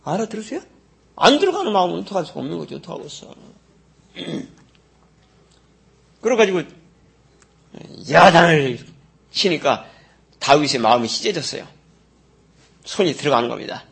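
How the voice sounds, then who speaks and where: A man preaching a sermon as a pastor. He reads scripture slowly and drawn out, then swings from loud exclamations to low asides. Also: sing-song. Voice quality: gravelly and husky. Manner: slow, drawn-out scripture reading.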